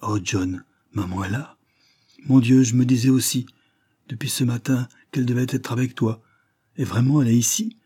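A man voicing a small, stout elderly father in an audiobook, talking faintly and flatly at times. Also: mid-range voice, moderate pace, husky, voice pushed up, close to an everyday voice. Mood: delighted. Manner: speaks faintly, oddly flat and weary. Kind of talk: audiobook character reading.

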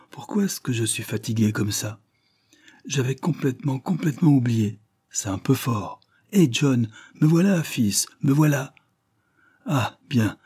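A man voicing a small, stout elderly father in an audiobook, talking faintly and flatly at times. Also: lowish voice, slightly rough, heavily acted. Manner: speaks faintly, oddly flat and weary. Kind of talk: audiobook character reading.

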